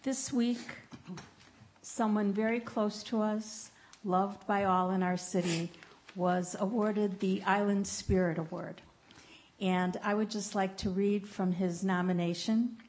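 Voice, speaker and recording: A woman's voice: medium pitch, steady tone, slow pace, darkish tone, slight background noise. Woman making a heartfelt council announcement. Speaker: city council member. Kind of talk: announcement at a meeting.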